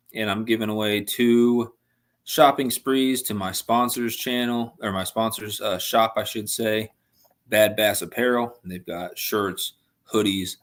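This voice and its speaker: Chatting through a casual fishing livestream, this young host answers messages from viewers. He speaks in a low-leaning, somewhat bright voice that sounds a little tired from use.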